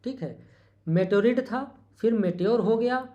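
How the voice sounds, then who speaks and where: Speaking at medium pitch on lo-fi audio, a teacher gives a lecture aimed at exam preparation. The teacher keeps restating key terms, asks rhetorical questions, and corrects minor slips with a brief apology.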